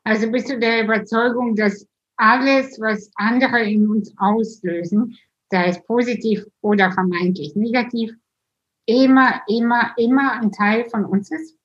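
A woman's voice: a little high, fairly even intonation, a little slow, lo-fi sound. A woman from Kazakhstan hosting a casual interview and asking personal questions. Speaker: host.

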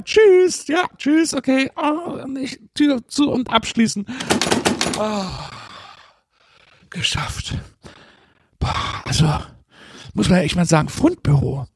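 A man in a comedy sketch, talking in a flustered, hurried way. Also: very high voice, a little mellow, breathy edge, dry recording.

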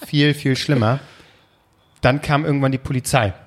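A man's voice: mid-range voice, fairly even intonation, moderate pace. A young man telling a story in casual chat, rambling and hesitant, often breaking into laughter.

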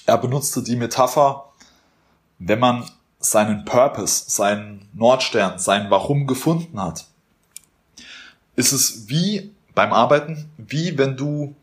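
A man hosting a motivational podcast, speaking earnestly and coaching the listener directly. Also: mid-range voice. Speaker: podcast host.

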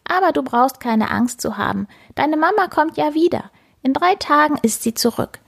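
A woman's voice: sits high, sing-song, normal speed, vocal fry, pitched above the performer's own voice, heavily acted. Woman doing a friendly rat who knows everything. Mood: reassuring. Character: friendly know-it-all female harbor rat. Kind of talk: children's story reading.

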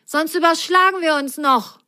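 A woman's voice: very high voice, moderate pace, sharp tone, pitched above the performer's own voice. A woman voicing a curious, timid little sock in a children's story, eager and easily worried. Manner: eager and fretful.

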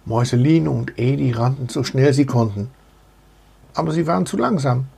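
A man reads a children's story aloud expressively and with animation, using a medium-pitched, husky voice with vocal fry at a moderate pace.

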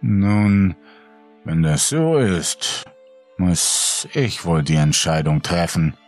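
A man voicing a cruel male intruder who taunts his captives in a slow, sneering way, with a husky voice. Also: low-pitched, very animated, a little mellow, faint music behind, exaggerated voice. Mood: menacing.

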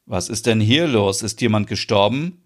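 A man's voice: lowish voice, animated, moderate pace. A man playing a queasy, squeamish young man. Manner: queasy, groaning. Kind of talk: storybook reading.

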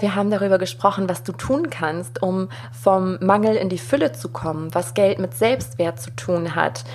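A woman hosting a podcast, speaking gently and from the heart, straight to the listener. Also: medium pitch, slight background noise. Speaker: podcast host. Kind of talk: warm solo podcast intro.

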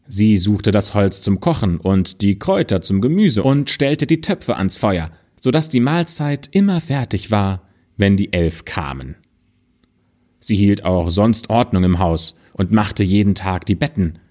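A man reading a fairy tale aloud in a slow, expressive storytelling manner. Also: lowish voice.

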